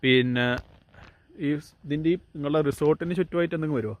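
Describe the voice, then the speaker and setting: A travel vlogger with a Malayali accent gives a casual walk-through narration around a forest resort, mixing Malayalam with English words. His voice is a little high and quick, with highs cut off, on a noisy on-location recording with outdoor ambience.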